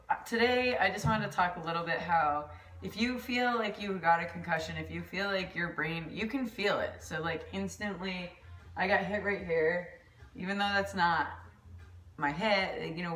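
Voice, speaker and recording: Woman vlogger, rambling casual chat, lowish voice, mild concussion, roomy and off-mic. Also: moderate pace, a bit bright, distant mic. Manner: rambling, chatty, laughs often. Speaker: volleyball coach vlogger. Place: at home, kitchen pantry. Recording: echoey room, off-mic.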